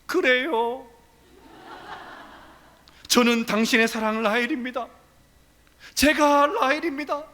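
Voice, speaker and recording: A man's voice: very high-pitched, steady tone, takes it slowly, long pauses, sharp tone, big-room sound, a little hiss or hum, voice pushed up, heavily acted. A man preaching imitates a young woman, Leah, who speaks sweetly and coyly. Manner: coy, sweet.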